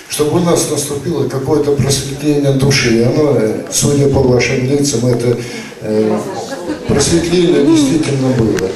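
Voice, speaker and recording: A man's voice: medium pitch, a little mellow. Hesitant man on old worn tape. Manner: hesitant, many filler sounds. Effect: old worn tape recording. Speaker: local official thanking the guest. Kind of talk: improvised public remarks. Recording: echoey crowded hall from far off, old tape.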